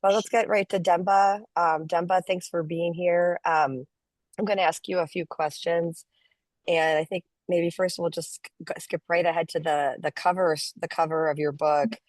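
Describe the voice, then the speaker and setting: Low-voiced woman hosting. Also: fairly even intonation, moderate pace, dry recording. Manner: friendly, loose, many ums. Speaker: interview host and advocate. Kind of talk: online presentation and interview.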